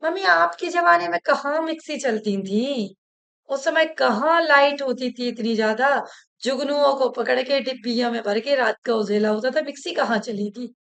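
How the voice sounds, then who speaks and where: A woman voicing a quick-witted, newly married young daughter-in-law who answers back with pert comebacks. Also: sits high, gravelly, a bit bright. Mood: cheeky.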